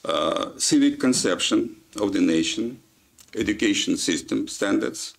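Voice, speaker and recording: A man with a Kazakh accent gives a formal lecture, pausing often on filler sounds. His voice sits very low and carries a heavy gravelly fry. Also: animated. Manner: halting, with frequent "uh" fillers. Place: lecture hall.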